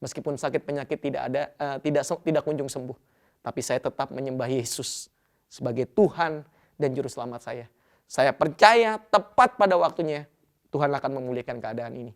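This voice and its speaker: A man's voice: mid-range voice, fairly quick. A male pastor giving a sermon in a conversational, colloquial way, acting out prayers as he goes. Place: church.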